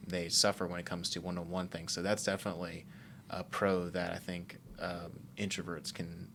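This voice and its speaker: A man's voice: low-pitched, flat delivery, normal speed, gravelly, a bit bright, a little hiss or hum. A man co-hosting a podcast, talking in a casual, rambling, thoughtful way with many fillers. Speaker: podcast co-host.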